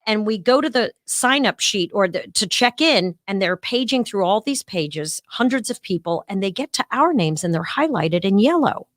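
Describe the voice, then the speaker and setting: A middle-aged woman, a podcast guest, telling a story in an animated way and acting out the voices of the people she quotes. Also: mid-range voice, moderate pace, hardly any pauses, no echo, clean studio sound. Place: podcast studio.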